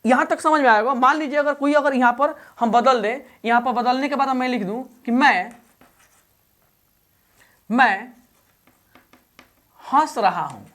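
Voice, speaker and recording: A woman teaching English grammar in Hindi. She repeats each example slowly and quizzes the learners as she goes. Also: sits high, steady tone, a bit bright. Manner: addresses learners fondly as "babu". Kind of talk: Hindi-medium classroom grammar lesson.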